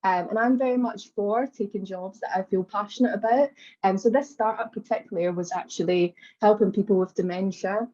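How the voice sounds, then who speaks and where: A Glaswegian woman in her late twenties, founder of a social media agency, tells her story as a guest in a conversational interview. She's relaxed and easygoing, speaking with a Scottish accent at medium pitch and a brisk pace, often saying "um" and "kind of." The remote audio is dull and lo-fi.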